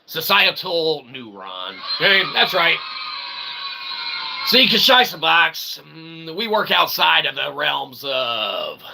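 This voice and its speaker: Very animated yet taking it slowly, a man with a slightly high, bright, forceful voice hosts his channel as a solo streamer. He rambles through a comedic pseudo-philosophical monologue full of mock-formal wordiness, crude swearing, and short tag questions. The recording is clearly noisy, with ambient sound behind him.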